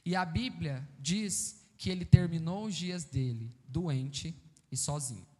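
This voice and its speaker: A man's voice: on the high side, a little slow. A man with a Brazilian accent preaching a sermon, explaining a passage and asking the congregation questions. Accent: Brazilian Portuguese. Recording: reverberant church hall.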